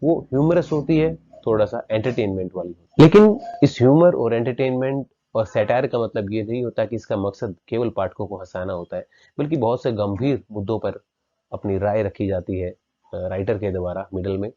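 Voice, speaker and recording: Male lecturer, mellow voice, patient explainer, muffled lo-fi sound. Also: lowish voice. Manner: explanatory, measured. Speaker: teacher. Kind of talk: online lecture. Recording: dull lo-fi recording.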